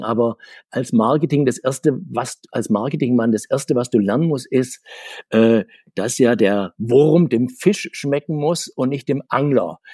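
A mellow, mid-range voice with a breathy edge comes from a man in his 60s, a comics marketer guesting on a video-call interview. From his home room full of figures he talks casually, rambling and chatty, laughing between points. The sound is dry and clean, like a studio.

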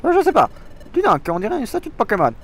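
A man voicing a sly male frog-like creature from a video game, reading its dialogue aloud with a squeaky, jumpy delivery full of exclamations. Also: wildly swooping pitch, rapid-fire, slight background noise, full character voice. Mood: excited.

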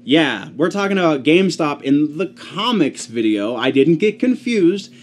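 A young man vlogging comic book news to camera from a small room full of collectibles, chatty and animated, often restarting and correcting himself. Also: a little high, a little slow. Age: young adult. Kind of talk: casual news chat to camera.

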